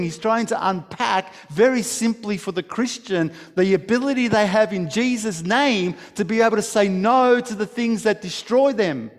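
A man's voice: high-pitched, in a large hall. A man preaching a sermon, telling a story with emphasis and many restarts. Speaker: pastor.

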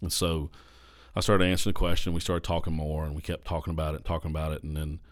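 A man, a pastor hosting a podcast, telling a personal story in a candid, animated way and repeating phrases for emphasis. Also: a bass voice, fast, no echo, studio quality. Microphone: podcast microphone.

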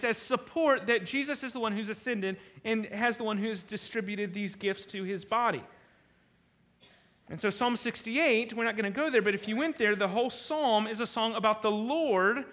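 A man's voice: extremely high pitch, fairly bright tone. A man preaching an expository sermon, reading scripture and emphatically restating his points. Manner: emphatic, repeats and rephrases points.

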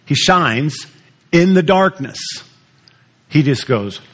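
Preaching man with a higher voice. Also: lively intonation, slow pace. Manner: conversational preaching, asks the congregation questions. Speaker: pastor. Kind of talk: sermon.

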